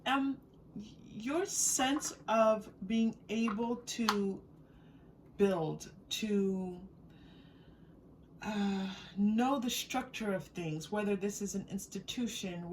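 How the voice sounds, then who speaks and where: Slow-paced and darkish in tone, a woman's mid-range voice guides an improvised, casual tarot reading she hosts. She talks directly to the listener in an encouraging, conversational way, recorded on a distant mic with faint noise.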